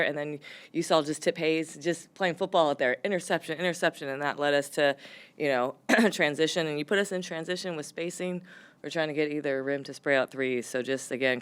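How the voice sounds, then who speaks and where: Hoarse lady coach at a press conference, smooth clear tone under the wear, kinda rambly with lots of ums. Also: low-pitched. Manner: candid, rambling with frequent fillers. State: hoarse, voice worn from yelling. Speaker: head coach. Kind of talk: post-game press conference answers.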